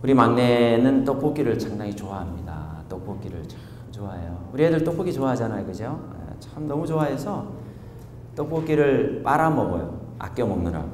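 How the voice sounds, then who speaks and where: Animated male pastor in an echoey hall. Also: mid-range voice, fairly quick, slight background noise. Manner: animated, keeps asking the congregation questions. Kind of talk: revival sermon. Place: church revival tent meeting. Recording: echoey hall with faint ambience.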